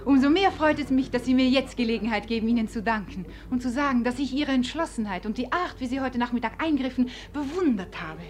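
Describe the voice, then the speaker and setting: A woman's voice: sits high, animated, fast, hardly any pauses, a little mellow. A proud, mocking society lady. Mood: gracious. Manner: haughty, mocking, theatrical. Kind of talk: radio drama acting.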